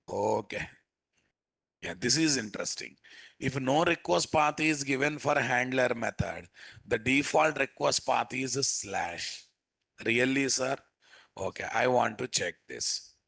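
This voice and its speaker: A man's voice: mid-range voice, lively intonation, measured pace, creaky, fairly bright tone. A man with a Telugu accent teaching a live programming lesson as an instructor, repeating phrases and often checking with his listeners through questions. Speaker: software instructor.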